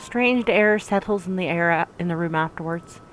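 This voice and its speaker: A woman reading first-person narration from a visual novel aloud in an even, reflective way. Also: lowish voice, normal speed, over loud music, rough recording. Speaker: let's play narrator.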